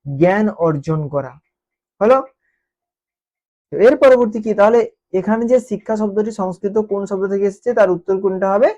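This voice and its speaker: Mellow woman teaching. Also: medium pitch, fairly quick, pauses often. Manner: repeats key terms and keeps asking "ঠিক আছে?". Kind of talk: exam-prep lesson explanation. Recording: dull lo-fi recording.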